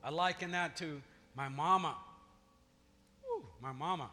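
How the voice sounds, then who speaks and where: A male pastor preaching a sermon, building up to forceful declarations in a church. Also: on the high side, unhurried, a little hiss or hum. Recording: long church reverb, faint music.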